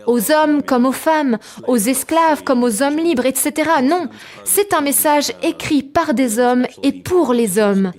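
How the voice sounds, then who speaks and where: A woman giving a calm, measured personal testimony as a translated voice-over. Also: high voice. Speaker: testimony narrator.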